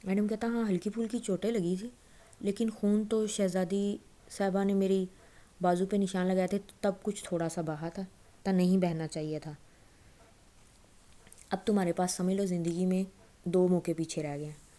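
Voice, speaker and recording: A woman's voice: medium pitch, steady tone, warm tone. A young woman casually retelling a novel's plot in a loose, chatty way, often correcting herself mid-sentence. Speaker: novel recap storyteller.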